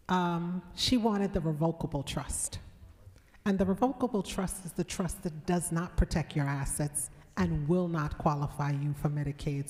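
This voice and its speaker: Low-voiced woman in a reverberant church hall. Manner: storytelling, animated when recounting clients. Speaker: elder law workshop speaker. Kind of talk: church workshop talk answering questions.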